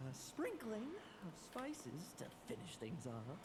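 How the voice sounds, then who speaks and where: This actress plays a cheeky young female knight, using a full character voice: low, with wildly swooping pitch, delivered slowly. She teases playfully and swings from cheer to gloom, heard in noisy game audio.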